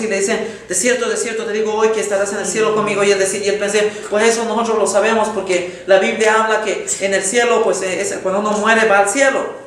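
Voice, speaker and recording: A man preaching a sermon, telling a story with dramatic swings between loud exclamations and hushed tones. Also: high-pitched, distant mic. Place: large echoey church hall. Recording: very echoey hall, faint noise.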